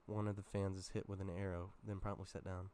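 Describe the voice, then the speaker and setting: A man with a sore throat reads a film script aloud in a casual run-through, tossing in short asides and tripping over words now and then. His voice is deep and stays very flat. A faint hiss runs under the recording. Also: a little fast. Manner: plain reading with asides and stumbles. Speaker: YouTuber reading a film script.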